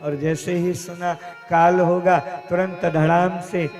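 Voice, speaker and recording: Man, devotional storyteller, slow dramatic telling, fairly high voice, faint music behind. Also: level tone, darkish tone. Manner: slow, dramatic retelling with acted dialogue. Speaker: kathavachak, religious storyteller. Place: religious gathering, live event.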